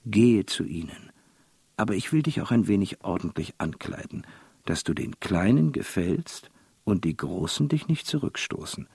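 A man reading aloud and voicing a proud queen mother, speaking in a stern, measured way. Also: on the low side, sing-song, vocal fry, a little mellow, husky, no room sound, full character voice. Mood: commanding. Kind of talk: literary reading.

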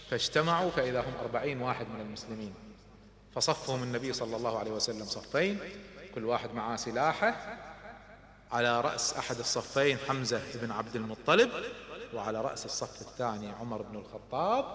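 A middle-aged man gives a dramatic storytelling lecture and acts out the voices in his story. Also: mid-range voice. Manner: animated, acts out quoted voices and shouts. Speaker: lecturer on religious history. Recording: echoey hall recording.

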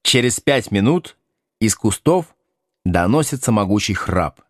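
Lively male audiobook narrator. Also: on the low side, measured pace, no echo, clean studio sound. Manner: lively, acts out the dialogue. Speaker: audiobook reader.

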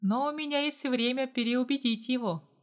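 A woman reading first-person audiobook narration in a steady storytelling manner. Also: sits high, normal speed.

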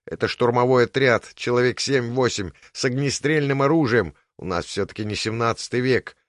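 A man's voice: medium pitch, moderate pace, no room sound, clean studio sound, voice pushed up, close to an everyday voice. A man voicing a stern young female witch hunter who speaks in curt, tense lines. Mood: flat. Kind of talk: audiobook character voice.

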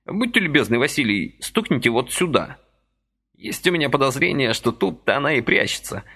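A jittery little old man comes to life through a male audiobook reader, who pushes his voice high and lets it swoop everywhere. Very animated, slightly fast, bright, forceful, and husky, this heavily acted, fussy character bounces between indignation and eagerness, brimming with nervous energy.

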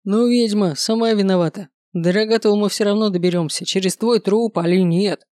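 A reader voicing an angry village mob shouting threats. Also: mid-range voice, moderate pace, dry recording, clean studio sound, natural voice. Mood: threatening.

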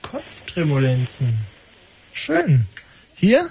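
A man hosting a fast call-in radio show, wry and brisk, cutting callers short. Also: a little high, wildly swooping pitch, creaky, darkish tone, husky, dry recording.

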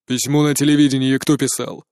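A man reading an audiobook, voicing a stern male investigator who asks slow, pressing questions. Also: mid-range voice, little pitch movement, darkish tone, smooth, dry recording, studio quality, voice pushed down, lightly acted. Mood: probing.

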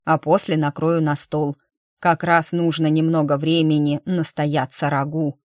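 A crafty, good-natured old dwarf cook from an audiobook, as a woman reader plays him. He speaks slowly with a low voice and a sly, teasing calm. The recording is close and dry. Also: dry recording.

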